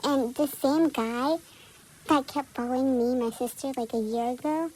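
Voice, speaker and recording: A woman's voice: high-pitched, normal speed, very noisy. A teenage girl co-hosting a podcast, chatting casually and telling stories bluntly, with frequent swearing. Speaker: podcast co-host. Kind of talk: casual chat.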